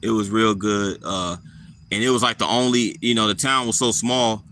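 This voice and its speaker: A man casually talking to his live chat viewers, relaxed and repetitive, answering people by name. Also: fairly low pitch, moderate pace, a little hiss or hum. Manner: laid-back, repeats himself, answers viewers by name.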